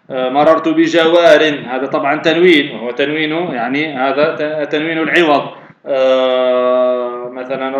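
A man teaching a grammar lesson, explaining step by step. He often poses a question and answers it himself, with many fillers and restarts. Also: fairly high pitch. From Tunisia. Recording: echoey, dull lo-fi recording with faint noise.

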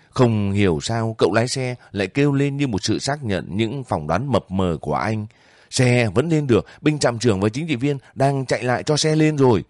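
Male audiobook narrator, lower voice, measured pace, dry recording. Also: no echo. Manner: steady, measured storytelling. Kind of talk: scripted narration of a war novel.

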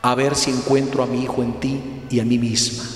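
A man voicing a gentle but demanding holy mother who speaks softly and firmly. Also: mid-range voice, little pitch movement, brisk, lightly acted. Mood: admonishing. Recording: echoey hall with faint music.

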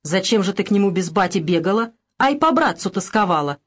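A woman's voice: mid-range voice, expressive, fast, close to an everyday voice. A woman voicing a defiant young peasant wife. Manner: sharp, defiant retorts. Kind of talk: audiobook character voice.

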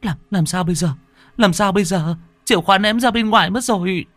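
A man's voice: fairly high pitch, animated, unhurried, husky, dry recording, pitched above the performer's own voice, full character voice. Man voicing a flustered anxious young woman. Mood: upset. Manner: flustered, stammering.

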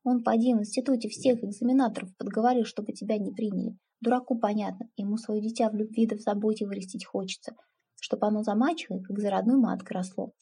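A woman's voice: mid-range voice, fairly even intonation, quick pace, dark tone, breathy edge. A woman voicing a blunt, stubborn older village aunt who scolds and mocks in folksy speech. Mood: scolding.

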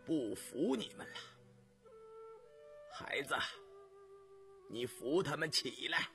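A man voicing a weary, crippled older male scholar who speaks slowly, sighs and sometimes drops to a whisper. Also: on the high side, expressive, vocal fry, pushed and bright, faint music behind, heavily acted. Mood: grave. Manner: slow, sighing, sometimes whispered.

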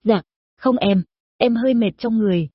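A woman's voice: a little high, moderate pace, slightly rough, dry recording. A woman voicing a flustered young married woman who stammers and answers deferentially in an audio story. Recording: dull lo-fi recording.

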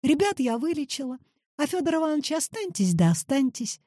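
A woman voicing a lively, proud old grandmother who tells stories with playful boasting. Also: high-pitched, a little fast, dry recording, studio quality, voice pushed up.

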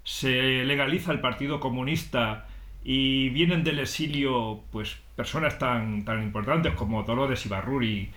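A male interviewer asks short, prompting questions about the past. His voice sounds roomy and a little distant from the mic, at an ordinary pitch. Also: measured pace, a bit bright.

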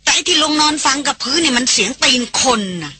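A reader voicing a frightened male forest tracker who speaks in a shaky, hoarse whisper. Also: sits high, animated, quick pace, pitched above the performer's own voice. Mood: pleading fear. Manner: hushed, urgent, pleading.

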